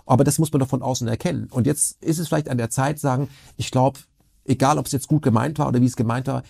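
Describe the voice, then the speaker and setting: Casting: man, rapid, husky and gravelly, animated rambling talker. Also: medium pitch. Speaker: interview guest. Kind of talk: casual conversation.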